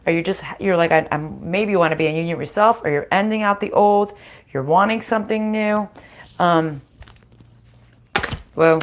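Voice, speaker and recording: A woman with a groggy, slightly hoarse voice recovering from a sinus infection, giving a casual spiritual card reading and thinking aloud in a halting, conversational way. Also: on the low side. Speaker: spiritual card reader hosting a live reading.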